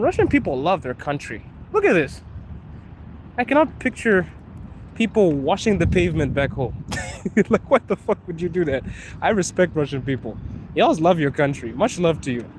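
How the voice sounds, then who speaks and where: A Zimbabwean man in his twenties or thirties, chatting casually on a livestream while walking outdoors, laughing often and slipping into freestyle rap. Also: on the high side. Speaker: livestreaming vlogger. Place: outdoors on a city street. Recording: street noise behind the voice. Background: traffic and street noise.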